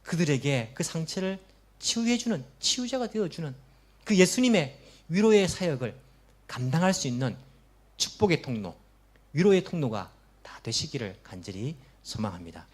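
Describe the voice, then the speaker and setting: A man's voice: on the high side, very animated, moderate pace, husky. A male pastor preaching a sermon and leading prayer, emphatic and impassioned, with many rhetorical questions.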